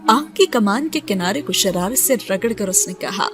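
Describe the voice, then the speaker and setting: Woman audiobook narrator, calm, measured, romance novel reading, faint music underneath. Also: mid-range voice. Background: soft background music.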